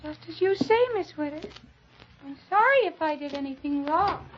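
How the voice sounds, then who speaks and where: An actress playing a timid, deferential hotel maid, polite and apologetic, in a 1950s radio mystery. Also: female voice, high-pitched, normal speed, background noise, natural voice. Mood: meek, apologetic. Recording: muffled old radio broadcast.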